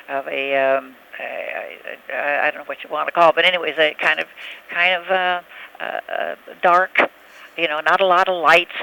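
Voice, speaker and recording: An elderly woman reminiscing haltingly in a telephone interview, often searching for words. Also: deep voice, gravelly, bright, forceful tone, poor audio. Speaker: oral history interviewee.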